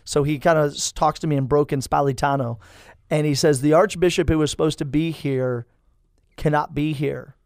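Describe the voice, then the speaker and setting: A man in his thirties, a priest, telling stories in a lively, animated chat and acting out the people he quotes. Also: a little high, normal speed, dry recording, studio quality. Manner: animated storyteller, acts out quoted voices. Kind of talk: storytelling in casual chat.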